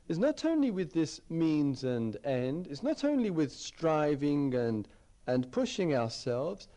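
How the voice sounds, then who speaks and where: A man's voice: fairly high pitch, warm tone. A man giving a dharma talk as a meditation teacher, reflective, often repeating phrases as he searches for words.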